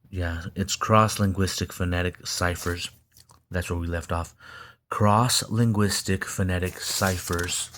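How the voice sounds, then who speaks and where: Spanish is the first language of this Mexican American video blogger, who reads a text aloud with commentary in a flat, low voice. He stumbles along haltingly, repeating words and restarting sentences.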